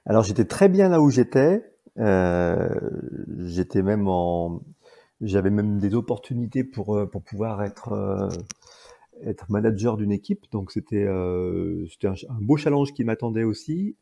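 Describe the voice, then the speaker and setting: A man in his forties with a low, gravelly voice and a dark, mellow tone. He talks casually as a podcast guest, stopping often with fillers and restarting his sentences. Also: animated, unhurried. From France. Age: 40s. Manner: hesitant, many fillers and restarts. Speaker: guest entrepreneur.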